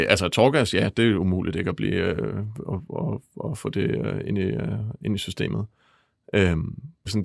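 A man working as a press photographer, retelling events in a halting, vivid way during an interview. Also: on the low side, vocal fry, dry recording, clean studio sound. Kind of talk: interview storytelling.

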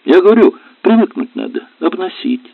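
Man doing a sweet chatty wife, voice pushed up high, tinny lo-fi audio. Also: very animated, moderate pace, creaky, no echo, full character voice. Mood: soothing. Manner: soothing, talkative. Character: caring chatty young wife.

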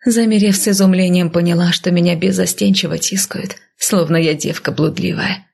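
A woman narrating a first-person novel as an audiobook, in a measured, even reading. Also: on the low side, creaky, breathy edge.

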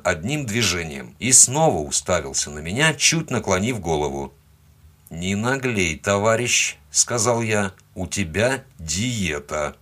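A man's voice: lowish voice, a bit bright. A man narrating a first-person story as an audiobook, telling it expressively and giving the quoted lines their own tone.

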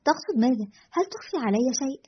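A woman's voice: high-pitched, big pitch swings, very fast, slightly rough, exaggerated voice. A woman voicing a frightened young woman caller to a radio show, with an anxious, pleading manner. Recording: dull lo-fi recording.

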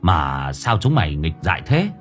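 A man voicing a calm grown stranger who scolds gently. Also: very deep voice, moderate pace, soft background music, voice pushed down, exaggerated voice. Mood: amused.

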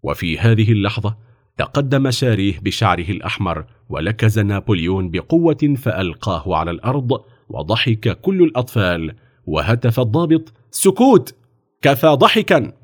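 A man narrating a children's story about a famous person's childhood in an expressive storytelling manner. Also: fairly low pitch, a little fast.

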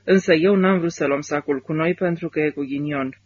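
A drunken, melancholic old army general speaks in a confiding, gloomy tone, as a man reads him aloud. The voice sits fairly high. The recording sounds dull and lo-fi, like an old audiobook. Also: close to an everyday voice.

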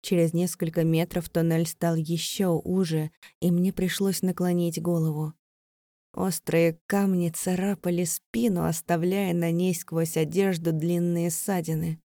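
A woman's voice: lowish voice, level tone, unhurried, warm tone, dry recording, studio quality. A woman narrating a first-person fantasy audiobook in a tense, breathless, dramatic way.

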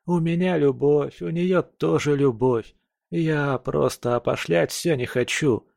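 A man's voice: fairly high pitch, a little slow, vocal fry, darkish tone, no echo, clean studio sound, pitched above the performer's own voice. A man reading an audiobook and voicing a hungover male friend who moans and pities himself. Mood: pleading. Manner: moaning, self-pitying.

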